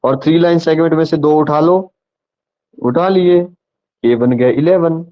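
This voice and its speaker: A man with a somewhat high, unhurried voice teaches a live online class, and the audio is dull. As a tutor he stays patient, restating ideas and checking that everyone is keeping up.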